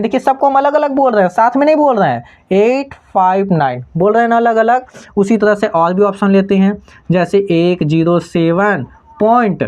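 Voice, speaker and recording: A woman with a Bhojpuri-tinged Hindi accent teaches a math lesson, and her pitch swings widely from phrase to phrase. She keeps pausing to ask whether the class has understood. The recording sounds slightly dull and lo-fi. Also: a little mellow. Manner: keeps checking understanding with repeated questions.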